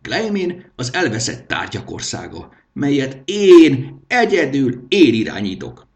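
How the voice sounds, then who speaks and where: A man voicing a shrill, tyrannical king of lost things in a storybook reading, with a screeching high voice.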